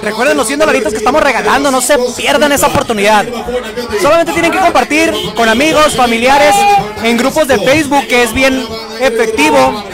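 A man's voice: extremely high pitch, a little fast, over loud music. A man hosting a car auction live stream with upbeat, slangy, bilingual promotional patter in a crowded covered outdoor lot. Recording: loud crowd around the voice. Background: loud crowd.

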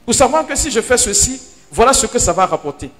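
Animated high-voiced priest preaching. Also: male voice, quick pace. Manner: animated storyteller, dramatic drops to hushed asides. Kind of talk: sermon teaching. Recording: hall reverb with faint music.

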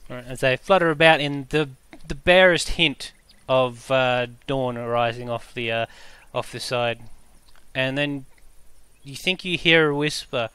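Game master guy, super bright clear voice, dry close mic. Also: medium pitch, unhurried, dry recording. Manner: descriptive, hesitant with fillers. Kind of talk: narrating a tabletop game.

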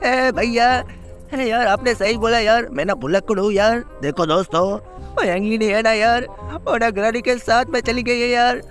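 A man's voice: very high-pitched, steady tone, normal speed, fairly bright tone, faint music behind. A man hosting a gaming video, talking in a jittery, dramatic, chatty way to his viewers. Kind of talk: playful gaming commentary in character.

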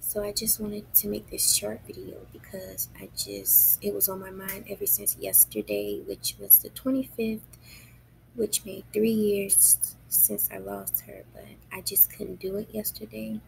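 A woman speaking in hushed, breathy late-night pillow talk, often near a whisper, with halting phrases and long pauses, as an intimate personal monologue. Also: medium pitch, animated. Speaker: video maker. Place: quiet room indoors at night. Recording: noisy room, clear background noise.

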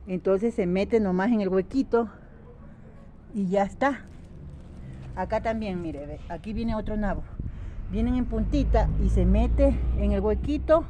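A woman with an Ecuadorian highland accent, chatting step by step as she plants vegetables in an outdoor garden, filmed on a phone. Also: dark tone. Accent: Ecuadorian highland Spanish. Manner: chatty, step-by-step, repetitive, addresses viewers as friends. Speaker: home gardening vlogger. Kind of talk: casual how-to vlog. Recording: outdoor noise, animals and traffic.

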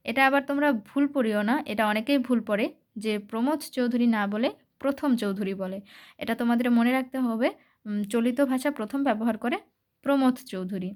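A woman tutor with a slightly high voice leads an exam-prep lesson. She talks straight to her students, repeating the key points and filling pauses with small hesitations. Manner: repetitive, addresses students directly, with fillers. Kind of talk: exam-focused classroom lesson.

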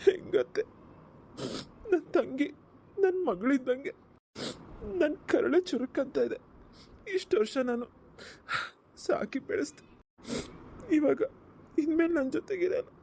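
Woman doing a cartoon elder brother, tearful, fond, heartfelt, fairly high voice. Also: fairly even intonation, normal speed, dark tone, a little hiss or hum, close to an everyday voice. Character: tender elder brother of the bride, emotional. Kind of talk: cartoon voice acting.

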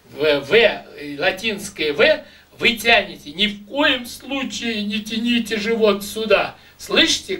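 Speaking to his students and demonstrating voice exercises, an older man from Russia uses a high, pushed, bright voice. His manner is declamatory and emphatic, slow and deliberate. The setting is a small room with patterned curtains, captured by a far-off camera microphone.

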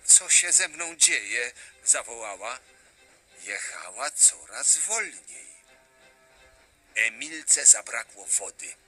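A man reading a children's story aloud, expressive and animated. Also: mid-range voice.

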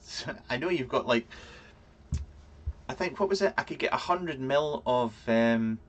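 A man's voice: mid-range voice, lively intonation, a bit bright, a little hiss or hum. Scottish man from Fife, chatting casually. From Fife, Scotland. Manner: rambling, halting, dryly joking. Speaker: livestream vlog host. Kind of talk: casual chat, reading out and answering live chat comments. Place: small cluttered home room, indoors.

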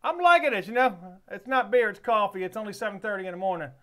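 High, bright-voiced man chatting casually. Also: animated, quick pace. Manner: folksy, rambling, easygoing talk. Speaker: music reaction channel host. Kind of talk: casual reaction commentary.

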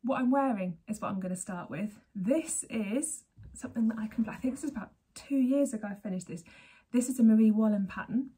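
Set in her sunny living room, her knitting podcast has her chatting casually to a camera at desk distance, rambling and laughing often. She's a Berkshire Englishwoman in her thirties whose voice is on the high side, a little fast with few pauses, warm and breathy at the edges.

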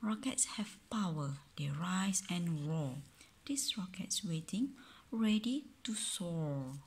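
A man with a Malaysian accent shares a picture book with a child at home, his soft delivery frequently dropping to a half-whisper amid playful sound effects, all captured on a phone. He sounds high-pitched and husky, taking his time with lively intonation.

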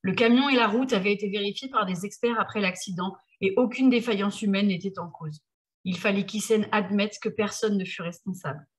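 A woman reading a passage from her own novel aloud in a steady, measured way. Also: medium pitch, husky.

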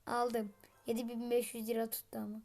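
A woman host giving gameplay commentary, taunting her opponents and breaking into frustrated shouts. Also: flat delivery, brisk. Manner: trash-talking, taunting opponents; bursts into frustrated high shouts. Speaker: gaming channel host.

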